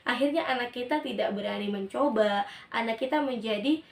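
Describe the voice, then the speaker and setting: A woman's voice: a little high, fairly quick, creaky. A woman hosting a parenting talk who speaks directly to mothers and poses rhetorical questions before answering them. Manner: addresses listeners directly as mothers. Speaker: parenting educator and channel host. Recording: echoey room, mic at a distance.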